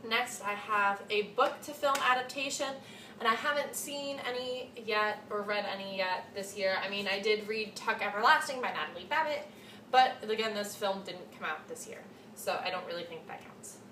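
A woman in her twenties gushes about books to camera, repeating words for emphasis, her medium-pitched voice pushed and bright at a normal speed. She records as a book reviewer vlogger in a small cluttered room at home. The camera mic sits a short distance away, giving echo and faint hiss.

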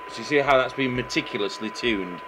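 A man from the UK speaks briskly in a mid-range voice while demonstrating technical work by hand at an indoor repair bench. Informal and matter-of-fact, he thinks aloud, and the workshop camera recording is clearly noisy with steady background noise.

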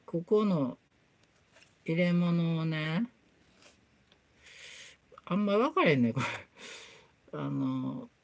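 A woman's voice: sits low, animated, extremely slow, gravelly, long pauses. A woman with a Kansai accent and Kyoto dialect, chatting casually on a livestream while doing a repair and muttering to herself as she works. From Kansai, Japan. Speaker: livestream host.

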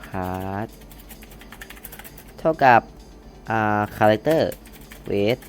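A man's voice: lowish voice, very slow, soft background music. A young man hosting a casual coding lesson, thinking aloud as he types and reading code out word by word, correcting himself as he goes. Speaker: coding tutorial host.

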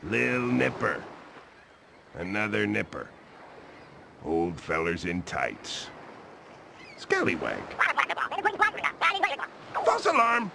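A man's voice: on the low side, huge pitch swings, extremely slow, long pauses, heavily acted. A man voicing a greedy, money-obsessed old crab boss who growls like a pirate in a game. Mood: scheming. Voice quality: gravelly. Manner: growling pirate "arr" exclamations. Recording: loud background noise.

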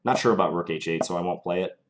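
Deep-voiced and rapid-fire, a young man with a slight Minnesota accent commentates live on his own chess game from a small room at home, against a noisy background.

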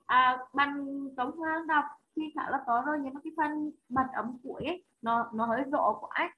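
A woman teaching English to children online, slowly repeating each word with careful enunciation. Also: high-pitched. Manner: slow repeated drilling of single words, clear enunciation. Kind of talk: online class drilling vocabulary. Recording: muffled lo-fi online call audio.

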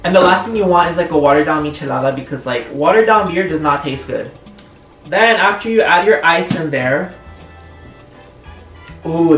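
A man's voice: a little high, a bit bright. A young man chatting casually and joking through a home cooking vlog in his kitchen. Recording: echoey kitchen, distant mic, faint music.

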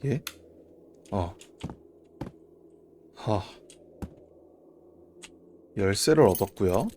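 A man doing live horror game commentary as a streamer, jumpy and reactive, talking to himself and sometimes shouting. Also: fairly low pitch, expressive, drawn-out words, noisy background.

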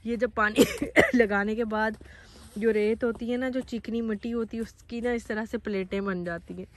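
A woman chatting to her phone camera while walking through farm fields, a bit out of breath and hoarse. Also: fairly high pitch, moderate pace. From Pakistan. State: slightly out of breath and coughing. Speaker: vlogger. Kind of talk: casual walking vlog narration. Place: outdoors in open farm fields. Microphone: phone camera held while walking.

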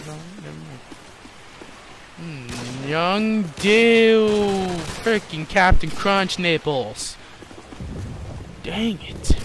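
A man's voice: fairly high pitch, vocal fry, noisy background. A young man giving casual, rambling gameplay commentary, joking and swearing, then scolding himself for it. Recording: game music behind the voice.

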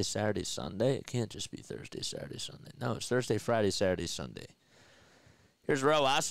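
A Philadelphia-accented man in his thirties hosts a play-by-play baseball livestream, talking with viewers, reading their comments aloud, and laughing often in a chatty way. His voice sits low and smooth. He uses a headset with a boom mic at a desk in a small indoor room, and there's no echo.

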